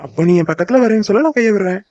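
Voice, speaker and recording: A man's voice: high voice, animated, racing, darkish tone, no room sound, dull audio. A young man voicing a teasing, devoted boyfriend in a cartoon, coaxing and joking. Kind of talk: cartoon voice acting.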